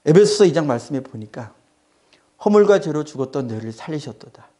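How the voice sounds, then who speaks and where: A man's voice: on the high side, sing-song, brisk, warm tone. A male pastor preaching a sermon, emphatic and repeating his phrases.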